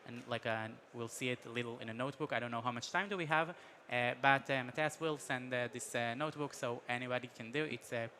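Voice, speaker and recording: Bright-voiced man from Israel demoing. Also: mid-range voice, a little hiss or hum. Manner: halting, many fillers and restarts. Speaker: startup guest demoing AI product. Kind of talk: casual explaining, product demo.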